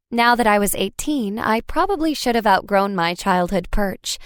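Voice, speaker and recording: A woman's voice: medium pitch, clean tone, no room sound, clean studio sound. A woman reading a first-person audiobook chapter in a light, wry storytelling manner. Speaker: audiobook narrator. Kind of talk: first-person scripted narration.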